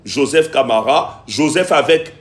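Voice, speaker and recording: A man's voice: medium pitch, measured pace. A man hosting a casual live stream on his phone, repeating himself and pleading with his viewers for support. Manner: repetitive, pleading with viewers, many fillers. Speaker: live-stream host and music producer.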